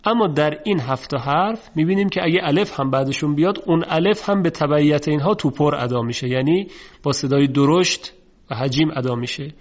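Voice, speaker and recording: A man giving a tajweed lesson, explaining letter sounds and demonstrating them with slow, drawn-out pronunciations. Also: on the high side. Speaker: Quran recitation teacher. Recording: dull lo-fi recording.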